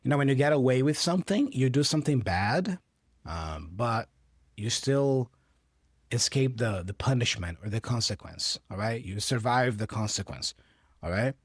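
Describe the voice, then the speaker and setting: A man's voice: medium pitch, lively intonation, normal speed, slightly rough, dry recording, studio quality. A man with a Brazilian Portuguese accent, a native Portuguese speaker, patiently explaining English phrases from a clip for learners and checking in often. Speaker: English teacher.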